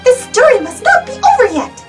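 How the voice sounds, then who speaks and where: A woman voicing a sweet, perky girlish cartoon mouse in a storybook, squeaky and exclaiming. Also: very animated, moderate pace. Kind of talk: storybook character voice. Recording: distant mic, music behind.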